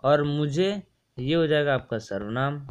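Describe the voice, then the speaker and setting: Brief: young male test-prep tutor, slightly high voice, chatty and repetitive, peppers explanations with English words. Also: a little slow, dull audio, slight background noise. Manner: chatty and repetitive, mixing English words into Hindi, often saying ठीक है. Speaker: exam coaching tutor. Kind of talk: casual screen-share lesson explaining test answers.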